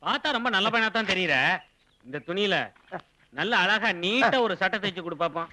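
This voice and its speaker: A man's voice: high voice, lively intonation, fairly quick, pushed and bright, full character voice. An actor playing a bossy, defensive tailor-shop owner man in a film comedy.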